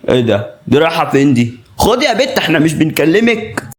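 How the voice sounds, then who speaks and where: A man's voice: fairly high pitch, very animated, quick pace. A man playing a leering street harasser. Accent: Egyptian. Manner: mocking, sleazy.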